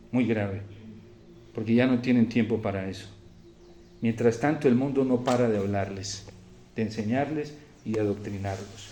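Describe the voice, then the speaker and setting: Fervent priest preaching in an echoey church. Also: male voice, medium pitch, slight background noise. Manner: swings between quiet intensity and loud fervent preaching. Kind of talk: sermon.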